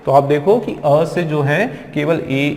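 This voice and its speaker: A man with a fairly high voice gives a classroom lesson on pronunciation. He explains step by step and keeps asking the class whether the point is clear. The room echoes, with a long reverb trailing his words. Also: a little slow, darkish tone. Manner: explains step by step, often asks the class questions. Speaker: spoken English teacher.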